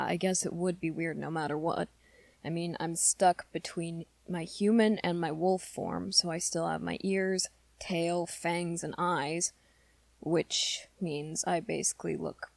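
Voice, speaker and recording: In an ASMR-style roleplay, a woman performs a clumsy teen werewolf boy whose low voice creaks with gravel. He stumbles haltingly and earnestly through a rambling confession up close, keeping his quick temper in check in favour of gentleness, in a dry, intimate sound with no room sound.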